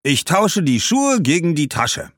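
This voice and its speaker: Man doing a gruff haggling shoemaker. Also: fairly high pitch, big pitch swings, unhurried, fairly bright tone, no echo, clean studio sound, voice pushed up, exaggerated voice. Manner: grumbling, skeptical, haggling. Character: gruff, shrewd middle-aged male shoemaker.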